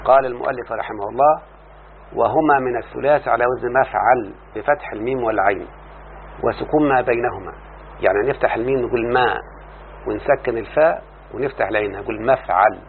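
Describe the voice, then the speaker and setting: Egyptian guy teaching class, keeps checking everyone follows, sounds like a tinny old recording. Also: mid-range voice. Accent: Egyptian Arabic. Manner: explains slowly, often asks the class "yes, sheikh?". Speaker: teacher of Arabic morphology. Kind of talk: classroom lesson. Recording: tinny lo-fi line with faint hum.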